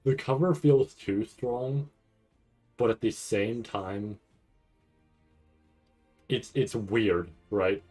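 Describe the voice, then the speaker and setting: A streamer hosting a reaction stream rambles casually, thinking aloud in fragments and often ending points with a questioning check. His voice sits on the low side with a darkish tone, drawing out words and leaving long pauses, while soft music plays in the background.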